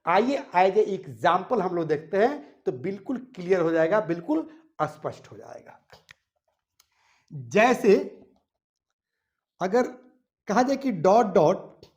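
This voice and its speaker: A man's voice: high-pitched, sing-song, takes it slowly, pauses often, darkish tone, muffled recording. A man teaching a grammar lesson to a class, repeating each point and telling the students to write it down.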